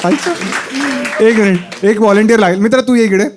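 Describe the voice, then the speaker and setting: A man's voice: high-pitched, fairly quick, noisy background. A male stand-up comedian doing playful, teasing crowd work on stage with a handheld mic. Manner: teasing, playful, chatty with audience. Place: live comedy show with audience. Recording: live show with loud crowd laughter.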